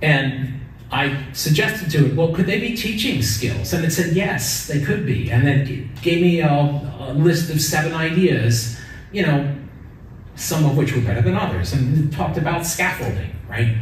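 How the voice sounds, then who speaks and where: A man's voice: fairly high pitch, moderate pace, slight background noise. A middle-aged man speaking as a keynote speaker at a lectern, earnest and personal, often checking in with "right?". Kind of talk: conference keynote talk. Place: large conference hall, at a lectern. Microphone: lectern mic, recorded from the audience. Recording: very echoey hall from far off.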